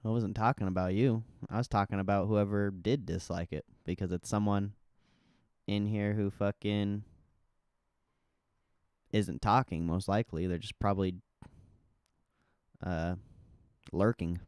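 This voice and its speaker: A man's voice: fairly low pitch, steady tone, measured pace, pauses often, a little mellow, clean tone, no echo, studio quality. A young man chatting casually on a livestream like a laid-back crypto bro, slangy and sweary. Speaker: livestream host.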